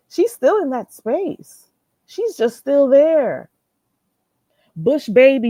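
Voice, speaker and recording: A woman with a medium-pitched, dark voice hosts a live stream, swapping crude, outspoken gossip. She's a little congested and breaks off to greet and thank her viewers. There's no echo.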